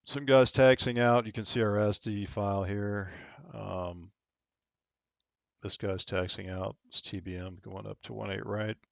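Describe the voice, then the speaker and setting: A man with a flat, creaky voice works as an air traffic controller. He gives procedural air traffic control radio calls and casual asides, recorded close and dry on a slightly muffled mic. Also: on the low side, unhurried, dry recording. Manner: procedural phrasing, spelled-out digits and call signs.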